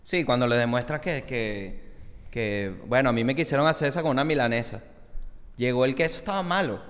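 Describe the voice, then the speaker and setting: A man, a comedian guest in a casual chat, laid-back and quick to chime in. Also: medium pitch, a bit bright. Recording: reverberant room.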